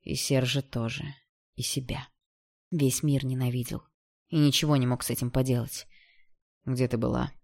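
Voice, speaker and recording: An audiobook narrator giving a steady, expressive reading of a novel. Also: mid-range voice, moderate pace.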